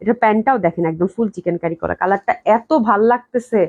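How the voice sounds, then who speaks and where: The audio is dull, and the woman talks fast in a medium, slightly mellow voice. She owns a clothing shop and sells dresses on a live online stream from indoors at her office, gushing and repeating her praise while coughing as she recovers from a cold.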